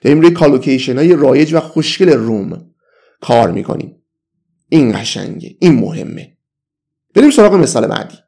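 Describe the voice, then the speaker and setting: A man teaching an English vocabulary lesson, slowly repeating each example sentence. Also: medium pitch, lively intonation, creaky, warm tone. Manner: slow, deliberate repetition of example sentences.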